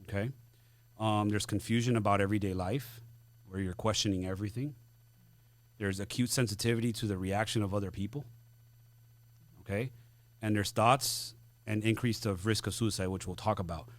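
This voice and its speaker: Low-voiced male podcast host explaining. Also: steady tone, dry recording. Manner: explanatory, often pausing on "uh" and "um". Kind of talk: conversational explanation.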